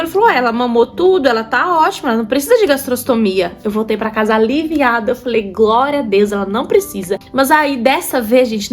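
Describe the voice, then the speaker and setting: A young woman with a fairly high voice tells a painful personal story straight to her viewers. She sounds emotional and confiding, and soft music plays faintly behind her. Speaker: vlogger mother.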